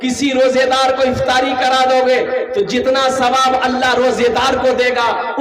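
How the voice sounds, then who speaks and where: A man preaching a lively sermon at a public gathering, joking with the crowd and repeating his phrases. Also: very high-pitched. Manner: jokes with the crowd, repeats phrases, addresses mothers and sisters. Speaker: Islamic preacher. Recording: echoey reverberant venue, voice from far off.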